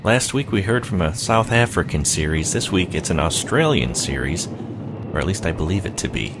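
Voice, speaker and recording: A man hosting a show, giving a relaxed introduction. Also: deep voice, moderate pace, noisy background. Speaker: podcast host.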